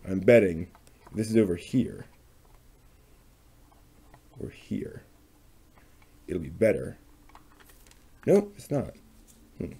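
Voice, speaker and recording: A craft vlog host with a fairly low, dark-toned voice talks casually through a hands-on demonstration, tentatively muttering to himself as he works. Clear background noise with clicking runs through the recording.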